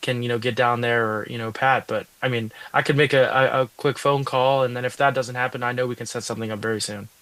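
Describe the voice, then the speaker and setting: Quick talking host guy, hedges everything, dry close sound. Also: mid-range voice, fairly even intonation, fairly bright tone, dry recording. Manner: hedging, lots of fillers and restarts. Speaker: stream host. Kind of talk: casual interview chat.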